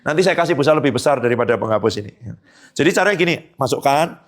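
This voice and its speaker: A man's voice: mid-range voice, animated, fast talker. A man preaching a conversational sermon as pastor, rising into emphatic peaks and acting out quoted dialogue.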